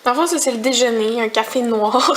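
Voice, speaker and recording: Young Quebec woman vlogger, a bit high-pitched, chatty and rambling, over dish and pan noise. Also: brisk. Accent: Quebec French. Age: young adult. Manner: chatty, rambling, disgusted complaints. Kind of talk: casual vlog chat.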